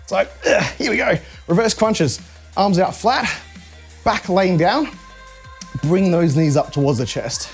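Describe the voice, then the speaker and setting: A man with a slightly high voice leads a live workout class. He talks casually as a fitness coach, cueing each move step by step. Faint music plays behind him. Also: darkish tone, breathy edge. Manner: conversational coaching, cueing exercise moves step by step.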